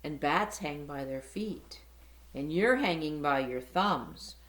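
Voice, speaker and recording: A woman's voice: low voice, expressive, slow, full character voice. A woman playing a blunt storybook bat. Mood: matter-of-fact. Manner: loud, teasing, explaining. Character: blunt, matter-of-fact adult bat. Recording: roomy echo.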